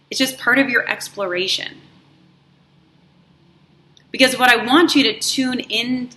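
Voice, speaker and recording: A woman's voice: medium pitch, slight background noise. A woman hosting a motivational coaching talk who speaks in an encouraging way and draws out the words she wants to stress. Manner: warm, encouraging, drawn-out emphasis on words. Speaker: life coach and show host. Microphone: live stream setup.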